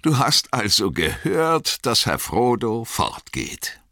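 A man reading aloud and voicing a stern, gruff old male wizard who scolds slowly. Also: medium pitch, very animated, sharp tone, no room sound, clean studio sound, pitched above the performer's own voice, heavily acted. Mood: teasing.

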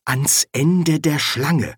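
A man's voice: on the high side, extremely slow, breathy edge, no echo, clean studio sound, pitched above the performer's own voice, heavily acted. A man voicing an urgent old wizard professor who hisses his words. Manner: hissing, pressing.

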